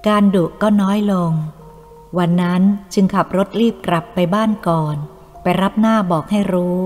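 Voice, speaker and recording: A woman's voice: medium pitch, darkish tone. Woman reading a story in an echoey room. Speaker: narrator. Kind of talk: audiobook reading of a memoir. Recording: echoey room, faint music.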